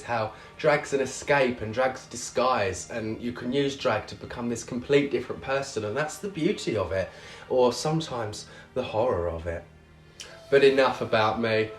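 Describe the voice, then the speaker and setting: A man hosting a show as a drag queen, with a camp, cheeky, theatrical manner. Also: medium pitch. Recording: roomy echo on the voice.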